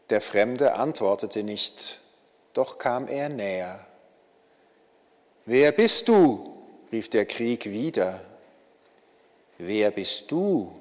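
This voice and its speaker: A male pastor reading a story aloud in a slow, measured, solemn way. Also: mid-range voice, a little mellow. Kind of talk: solemn read story in a sermon. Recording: long hall reverb.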